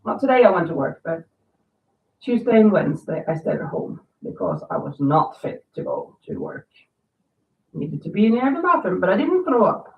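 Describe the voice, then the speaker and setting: Hosting a relaxed crochet livestream from her home, a woman in her fifties rambles at a normal speed in a lowish, sing-song voice, reading out viewers' comments as she goes. A lingering cold leaves her slightly nasal and raspy. Because she is far from the mic, the audio sounds thin like a phone line, with room echo and slight background noise.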